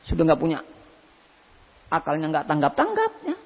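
A man's voice: on the high side, normal speed, slightly rough. A man giving an Islamic sermon, telling stories and acting out the people in them. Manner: animated storytelling with voiced quotes. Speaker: ustadz. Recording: dull lo-fi hall recording.

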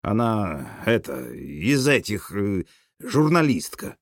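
A man voicing a gruff, stubborn older man who answers in low, curt mutters. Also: sing-song, normal speed, no echo, clean studio sound. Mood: grumbling.

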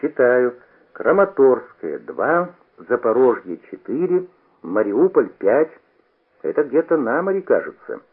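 A man voicing an excitable, boastful teenage boy who shouts eagerly. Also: mid-range voice, a little slow, breathy edge, exaggerated voice. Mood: excited. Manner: eager, shouting, sing-song. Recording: tinny old radio broadcast.

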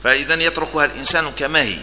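A man's voice: a little high, rapid-fire, pushed and bright, big-room sound. A man with an Algerian accent giving a religious lesson, telling stories and moving between formal Arabic and dialect. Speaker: preacher.

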